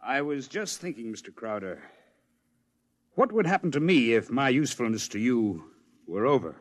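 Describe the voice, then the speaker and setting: An actor playing a hesitant, deferential long-serving subordinate in vintage radio drama style. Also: male voice, medium pitch, big pitch swings, normal speed. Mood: uneasy, deferential.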